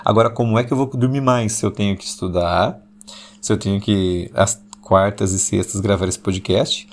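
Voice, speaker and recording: A man, hosting an intimate late-night podcast monologue and deliberately talking slower and lower, though he still slips into speaking fast. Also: gravelly, slight background noise. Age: 40s. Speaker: podcast host.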